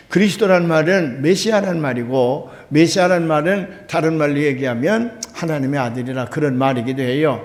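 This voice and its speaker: A middle-aged man preaching a sermon as a pastor, telling stories, acting out the voices of people in them, and putting questions to the congregation. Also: on the high side. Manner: storytelling, animated quoted voices, asks congregation questions. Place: church sanctuary. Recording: reverberant church sanctuary.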